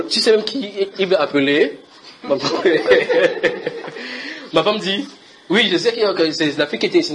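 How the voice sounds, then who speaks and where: Fast, lively preacher. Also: male voice, a little high, a little hiss or hum. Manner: animated storytelling, calling on listeners. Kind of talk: sermon. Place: house church gathering.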